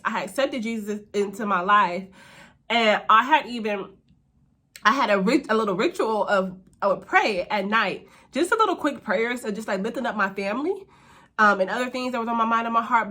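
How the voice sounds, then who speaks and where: A young adult woman hosts her own channel, sharing a personal faith testimony in a mid-range, bright, forceful voice. She speaks earnestly and conversationally, addressing her viewers directly as "y'all."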